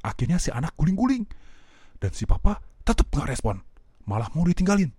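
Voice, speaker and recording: A man's voice: fairly high pitch, sing-song, a little fast, dark tone, husky, no echo, clean studio sound. A man giving a self-help lesson, speaking directly to listeners and asking them questions. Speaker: motivational speaker.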